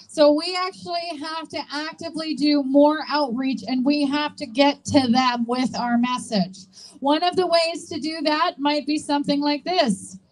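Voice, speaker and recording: A woman's voice: high-pitched, low-quality recording. A woman making informal emcee announcements at a rally, encouraging and engaging her listeners with questions. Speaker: rally host and volunteer organizer. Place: public rally, speaking to an audience.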